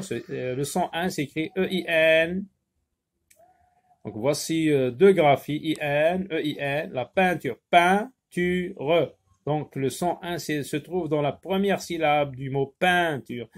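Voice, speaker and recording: A man teaching a French phonics lesson, repeating words slowly and spelling out letters. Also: mid-range voice. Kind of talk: slow, drawn-out phonics lesson.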